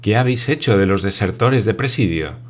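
A man's voice: fairly low pitch, expressive, a little fast, natural voice. A man voicing a bewildered lord who presses question after question. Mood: urgent questioning.

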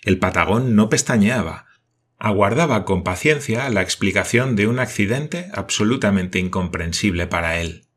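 A male audiobook narrator reads an adventure tale in an even storytelling manner. His voice is low and husky. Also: moderate pace. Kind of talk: scripted narration.

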